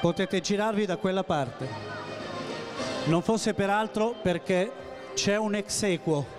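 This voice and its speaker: A man's voice: high voice, slow pace. A man hosting a live quiz, announcing with suspense and giving short projected commands. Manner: Italian quiz host, announcing and building suspense; projecting, directing children with repeated short commands. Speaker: quiz show host. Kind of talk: live event hosting to children and audience. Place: busy indoor shopping centre atrium. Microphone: handheld microphone. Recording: live PA with music and crowd noise.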